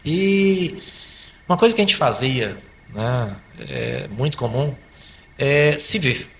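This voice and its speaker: A Brazilian man, a psychologist, explaining at length in an animated way, often repeating and restarting words. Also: mid-range voice, slow, creaky. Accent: Brazilian Portuguese. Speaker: psychologist guest. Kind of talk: conversational explanation. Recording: faint background noise.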